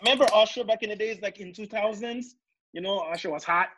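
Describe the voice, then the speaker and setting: Speaking fast, this thirty-something non-native English speaker joins a casual video-call discussion as a panelist, reflecting loosely with plenty of fillers and repeats. His voice sits high, bright and forceful, over a little hiss or hum, and the call audio sounds dull and dry.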